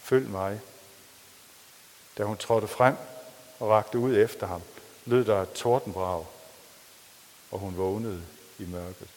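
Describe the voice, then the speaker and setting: A man preaching a sermon, reading a story aloud with feeling and then talking plainly with pauses and restarts. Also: lowish voice, fairly even intonation, darkish tone. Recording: long reverb of a hall.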